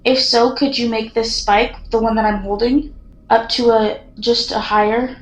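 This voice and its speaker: A woman with a fairly high voice records a spontaneous paranormal vlog. She sounds excitable and repeats her requests in different words. The room rings around her, with some noise behind. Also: moderate pace. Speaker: paranormal investigation vlogger. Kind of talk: spontaneous vlog narration while addressing a spirit with questions. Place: echoey room inside a castle. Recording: roomy echo, some background noise.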